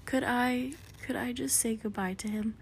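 A huge, shaggy giant of a man, sobbing and stammering through his words, as a woman whispers the part. The voice sits a little higher than her own and stays soft. Whispered role-play for a storybook. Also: fairly even intonation, normal speed, creaky, slight background noise. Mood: tearful. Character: huge shaggy tearful male giant groundskeeper.

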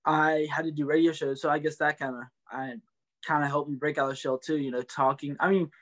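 A man's voice: fairly high pitch, fairly even intonation, fairly quick, a bit bright. A young man, a college student, chatting as an interview guest, filling his talk with "like". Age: young adult. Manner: chatty, filler-heavy with "like". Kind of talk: casual interview chat.

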